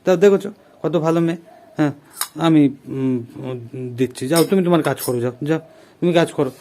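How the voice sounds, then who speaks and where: A man playing a father in a family vlog, coaxing and gently lecturing his daughter. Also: on the high side, a little fast, a little hiss or hum. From Bengal. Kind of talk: scripted family drama vlog.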